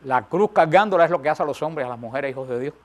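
A man's voice: fairly high pitch, fast talker. A man preaching a sermon, emphatic, rising and falling, repeating phrases for stress.

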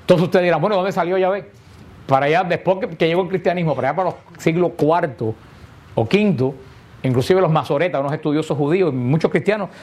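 A man's voice: a little high, darkish tone. A man, a priest, explaining in a sermon and asking and answering his own questions.

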